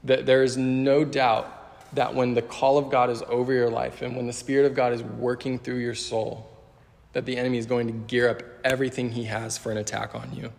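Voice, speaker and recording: A man's voice: medium pitch, flat delivery, normal speed, creaky, a little mellow. Young guy preaching, chatty with lots of likes and ums, big hall echo. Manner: casual, many fillers, laughs at own story. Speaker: youth preacher. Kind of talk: sermon with storytelling. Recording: long hall reverb.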